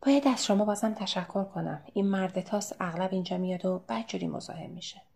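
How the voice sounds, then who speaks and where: A woman's voice: mid-range voice, creaky, darkish tone, natural voice. A woman voicing a wary young barmaid in an audiobook reading.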